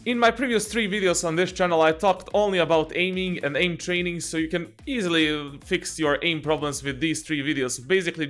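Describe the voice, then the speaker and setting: High-voiced joking young man. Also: a bit bright. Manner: jokey, laughs often, many fillers and restarts. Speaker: channel host and game coach. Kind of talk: casual Q&A vlog.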